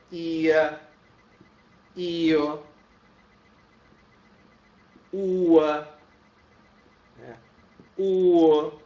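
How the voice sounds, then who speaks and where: A man's voice: fairly high pitch, recorded from a distance. A man teaching a lesson, explaining step by step and checking in with his students. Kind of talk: classroom lecture. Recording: roomy, dull sound from off-mic.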